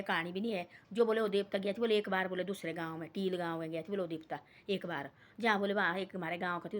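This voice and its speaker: An older woman tells village tales, wandering from one story to the next. She keeps repeating "they say" and breaks off to scold. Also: lowish voice.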